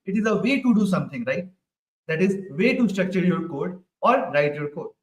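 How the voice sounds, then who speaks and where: A programming instructor with a high-pitched, lively voice teaches a live online class at a moderate pace. He asks the class questions again and again and ends his lines with "right?". The mic sits at a distance in an echoey room.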